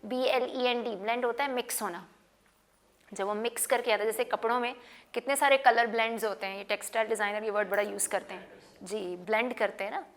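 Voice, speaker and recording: A woman's voice: fairly high pitch, steady tone, fairly quick. A woman teaching a phonics lesson, mixing English words into Hindi and repeating each sound several times. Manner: drills sounds by repeating them. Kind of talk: slow classroom lesson.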